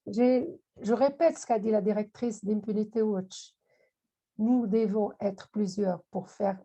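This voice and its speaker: A woman giving an emotional thank-you speech, halting and repeating words as she goes. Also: on the high side, dark tone, husky. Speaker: panelist at online launch.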